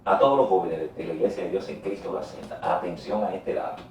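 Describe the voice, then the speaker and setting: A man's voice: low voice, quick pace, darkish tone, very echoey, recorded from a distance, slight background noise, rough recording. A man interviewing a guest in church, affirming him and speaking directly to the audience.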